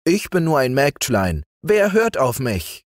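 A man's voice: medium pitch, big pitch swings, unhurried, dry recording, studio quality, voice pushed up. A man reading aloud voices a resigned young housemaid who grumbles. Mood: grumbling. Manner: complaining.

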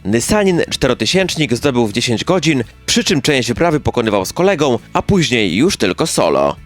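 Man, scripted news narrator, animated intonation, background music. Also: medium pitch, moderate pace. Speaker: newsreel narrator. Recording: music bed behind the voice.

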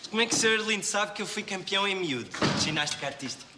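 An actor playing a vain, chatty young café worker with speech, telling stories in a gossipy, dramatic way. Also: male voice, high voice, animated, rapid-fire, very noisy. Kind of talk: sitcom acting.

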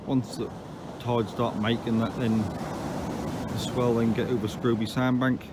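A down-to-earth man talks his way through a day's beach fishing in a plain, middling voice, chatty and matter-of-fact. It is recorded outdoors on a handheld phone, with steady surf and wind rolling in behind him. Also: medium pitch, measured pace. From England. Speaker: angler filming his own fishing trip. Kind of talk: casual running commentary to camera. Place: open beach by the sea, outdoors. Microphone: phone camera held by the speaker.

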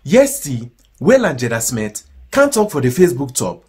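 A man in his thirties with a Ghanaian accent presenting mock-serious, deadpan comic news commentary in Pidgin. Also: medium pitch, normal speed, breathy edge.

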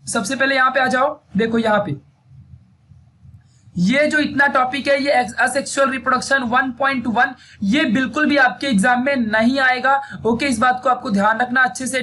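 A man's voice: very high voice, pushed and bright, slight background noise. A man teaching a casual syllabus walkthrough, chatty and repetitive, speaking. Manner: chatty, repeats "theek hai" often.

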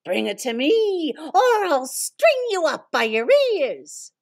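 A woman voicing a pompous male villain scientist who stretches out his threats in a high voice. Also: very animated, vocal fry, heavily acted. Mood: menacing. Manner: grandly drawn-out threats.

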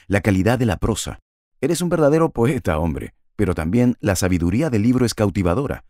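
A man's voice: fairly low pitch, mellow, no room sound, studio quality. A man in his forties hosting an interview over a video call, asking questions with enthusiasm. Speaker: host. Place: home office. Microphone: video call with earphones.

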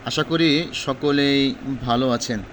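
Slow, deliberate male Quran teacher. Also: mid-range voice, a little hiss or hum, rough recording. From Bangladesh. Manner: slow, deliberate, repeats each syllable for learners to copy. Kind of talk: pronunciation lesson with drilled repetition.

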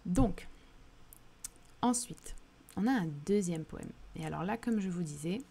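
A woman's voice: lowish voice, expressive, measured pace, vocal fry, dark tone, slightly rough. Thoughtful woman with a southern French accent. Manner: thoughtful, hesitant, many fillers and restarts. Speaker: literary livestream host. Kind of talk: live book discussion reading chat questions.

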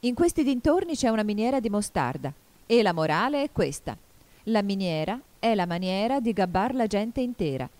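A woman's voice: medium pitch, big pitch swings, moderate pace, a little mellow, no room sound, voice pushed up, lightly acted. A woman voicing a fussy duchess who moralizes in a sing-song way. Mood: moralizing.

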